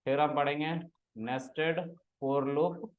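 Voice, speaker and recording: Male classroom teacher, somewhat high voice, teasing and quizzing his class, dull lo-fi recording. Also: steady tone, extremely slow. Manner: teasing, asks students questions and scolds them. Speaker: programming teacher.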